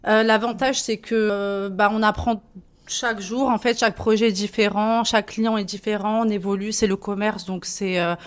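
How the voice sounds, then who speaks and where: A woman's voice: medium pitch, fairly even intonation, moderate pace. Chatty woman kitchen saleswoman. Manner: chatty, laughs easily, many fillers. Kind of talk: casual answers to young visitors. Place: kitchen showroom.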